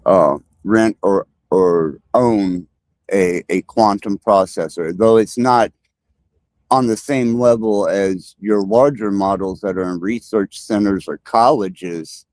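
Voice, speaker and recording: Slow, insistent man, low voice. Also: a little mellow, dry recording. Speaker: guest describing his AI companion. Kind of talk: earnest podcast discussion.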